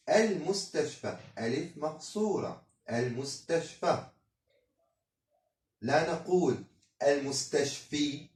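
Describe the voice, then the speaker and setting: A man teaching a grammar lesson, switching between two languages and repeating words over and over as drills. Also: medium pitch. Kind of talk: bilingual Arabic-French grammar lesson. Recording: roomy sound from a distance.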